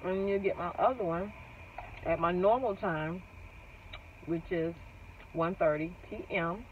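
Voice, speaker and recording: A woman's voice: lowish voice, a little slow. A woman talks easily to her viewers while still chewing her food, her words a little muffled by the bite. She is sitting in her parked car, and the recording is dull and lo-fi with faint noise underneath. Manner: chatty, addresses viewers as y'all. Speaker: mukbang vlogger. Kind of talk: casual chat to viewers.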